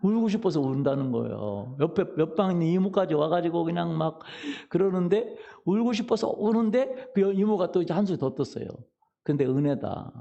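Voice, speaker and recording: A middle-aged male pastor preaching in a church, his voice high and gravelly. He tells funny family stories with a lot of swing in his pitch and keeps asking the congregation questions. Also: animated, moderate pace, dark tone, highs cut off. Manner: humorous storytelling, asks the congregation questions. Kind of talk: sermon. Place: church sanctuary.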